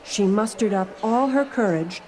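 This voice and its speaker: A woman's voice: mid-range voice, expressive, normal speed, a crowd in the background. A woman reading scripted storybook narration on an album. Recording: noisy album recording.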